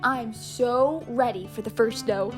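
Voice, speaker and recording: Woman voicing an eager, high-voiced school kid. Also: measured pace, music in the background, natural voice. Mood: curious, chatty. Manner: casual, earnest. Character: eager, earnest, loyal school-age kid. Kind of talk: animated film dialogue.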